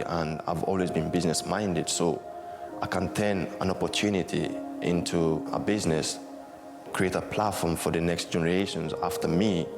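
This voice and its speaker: A man in his twenties from Guinea, talking casually in an interview about his football past, with many "like, you know" fillers. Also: low-pitched. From Guinea, West Africa. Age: 20s. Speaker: interviewee, former academy footballer.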